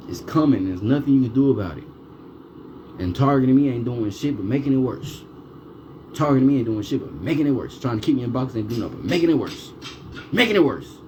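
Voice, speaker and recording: Speaking quickly in a mid-range voice, a male vlogger delivers an expletive-laden tirade full of rhetorical questions. The recording is rough, with steady noise in the background.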